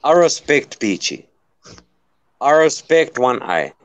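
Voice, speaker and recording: A man's voice: mid-range voice, sing-song, slow pace, dry recording, highs cut off. Man firmly repeating himself in chat. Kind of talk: casual chat.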